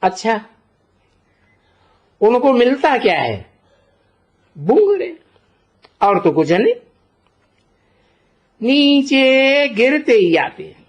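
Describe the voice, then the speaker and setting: A man giving a slow spiritual discourse as a teacher, deliberate and posing rhetorical questions to his listeners. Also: very high-pitched, very animated. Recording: dull lo-fi recording.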